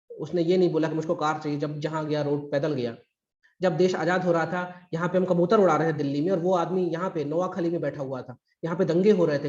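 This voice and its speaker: A man's voice: a little high, darkish tone, dull audio. Emphatic man teaching over an echoey call. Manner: conversational and emphatic, acts out quotes. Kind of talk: live online exam-prep history lecture. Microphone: recorded through a video call.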